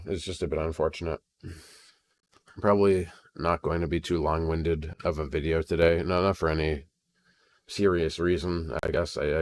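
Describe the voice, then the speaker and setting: An American man from Maine talks through a casual solo audio log in an extremely low voice, rambling hesitantly and sounding resigned. It's recorded on a home computer, with some crackling.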